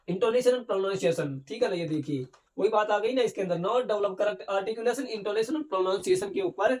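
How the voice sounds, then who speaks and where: A male teacher giving an exam-prep lecture. He asks questions and answers them himself, often tags on "theek hai na", and reads English points out slowly. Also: high-pitched, a little mellow. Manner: keeps adding "theek hai na".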